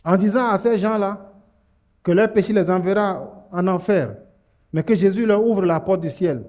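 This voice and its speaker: A man's voice: sits high, normal speed, darkish tone. A man preaching a sermon to a church congregation, urging them on with fervent, direct commands. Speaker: pastor.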